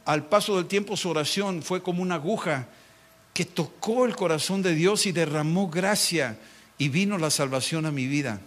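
A middle-aged pastor, preaching a dramatic sermon and acting out mocking voices. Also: male voice, high-pitched.

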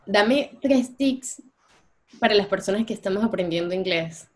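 A woman's voice: mid-range voice, normal speed. A woman hosting a casual interview, asking questions and encouraging her guest.

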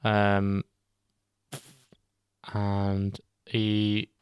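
A man's voice: lowish voice, completely flat delivery, drawn-out words, clear, resonant tone. A young man, co-hosting a casual chat and rambling, swearing and laughing as he goes. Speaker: podcast co-host.

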